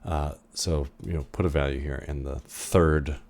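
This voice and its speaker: A man instructor giving a casual screen-recorded software tutorial, thinking aloud with many fillers and restarts. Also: rumbling low, fairly even intonation, normal speed.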